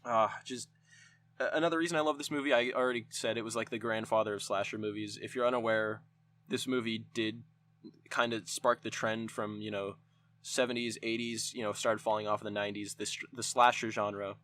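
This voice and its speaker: A man's voice: fairly low pitch, fairly even intonation, fairly quick, a bit bright, no echo. A young man hosting a podcast, reviewing a film in a casual, rambling way with lots of swearing and restarts. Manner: rambling, profane, frequent restarts. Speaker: podcast host.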